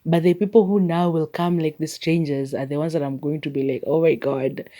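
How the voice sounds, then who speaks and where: Hosting her own casual podcast, a Kenyan-accented woman whose first language is Maragoli talks briskly in a low, steady, dark voice. She's chatty and rambling, filling gaps with "like."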